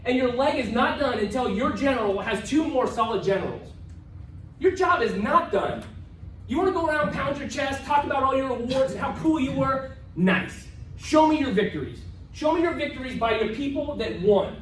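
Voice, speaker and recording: A man delivers a punchy motivational seminar to a live audience, hammering points home by repeating them. His voice sits high and leaps around animatedly. It is captured from across a reverberant room, with a faint hiss of background noise. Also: normal speed. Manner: energetic and emphatic, repeats phrases and tags lines with "right?". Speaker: motivational event speaker. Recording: echoey room, far from mic, faint noise.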